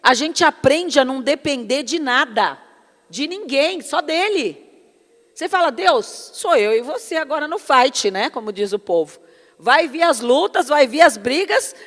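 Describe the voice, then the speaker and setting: A woman's voice: high voice, fairly bright tone, long reverb tail. A woman preaching a sermon with personal testimony, fervent and calling her listeners brothers and beloved.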